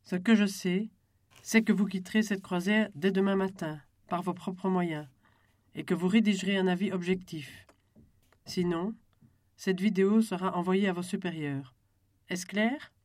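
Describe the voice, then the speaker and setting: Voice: mid-range voice, fairly even intonation, darkish tone, no room sound, lightly acted. An audiobook reader voicing a strict male cruise director who speaks formally and firmly, in a dry recording. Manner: formal, measured and firm.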